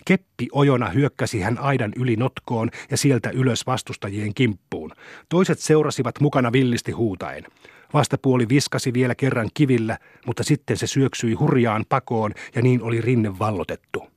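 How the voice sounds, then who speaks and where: A man reading an audiobook in steady storybook narration. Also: medium pitch, slightly rough, no echo, studio quality. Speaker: audiobook reader. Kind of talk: scripted narration.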